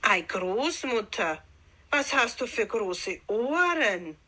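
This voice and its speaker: A woman's voice: fairly high pitch, very animated, takes it slowly, sharp tone, heavily acted. A woman voicing a trusting, carefree little girl in a fairy tale, speaking innocently. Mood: wondering.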